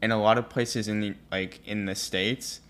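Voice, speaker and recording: A man's voice: lowish voice, steady tone, moderate pace, fairly bright tone. Easygoing young male podcast host. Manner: easygoing, chatty. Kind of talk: casual chat.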